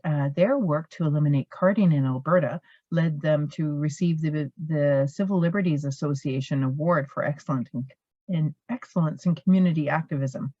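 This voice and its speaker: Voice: mid-range voice, moderate pace, mellow, no room sound. A host reading out an introduction of the moderator, with small slips and self-corrections. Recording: dull, dry lo-fi audio.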